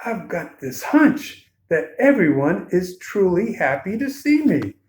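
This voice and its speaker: A man's voice: sits high, very animated, unhurried, a little mellow. A man voicing a friendly, wide-eyed furry monster in a children's storybook, folksy and exclaiming. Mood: gushing. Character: friendly gushing furry green ballpark monster. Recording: roomy echo.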